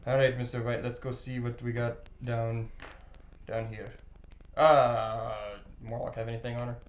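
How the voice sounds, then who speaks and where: A man's voice: medium pitch, flat delivery, unhurried, reverberant. A man playing a tabletop role-playing game, joking and laughing often. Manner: laughing, joking, loud when in character. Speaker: player.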